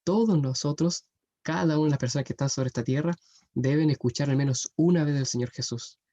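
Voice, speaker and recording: Young male preacher, earnest and mellow-toned, fairly high voice, dull recording. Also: brisk. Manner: earnest, often adds "¿cierto?". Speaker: youth preacher. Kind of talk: sermon. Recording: dull muffled sound.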